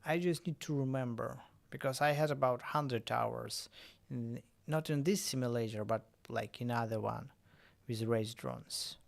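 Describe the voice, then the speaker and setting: Male streamer, English speaker, unhurried delivery with a gravelly edge. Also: mid-range voice. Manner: halting, self-correcting non-native English. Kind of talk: casual game stream chat.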